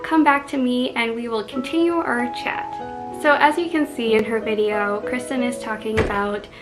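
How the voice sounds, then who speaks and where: A woman's voice: high voice, low-quality recording. Chatty Canadian woman vlogging, music behind. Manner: chatty, self-deprecating, lots of "like". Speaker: book vlogger. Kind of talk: casual chat to camera.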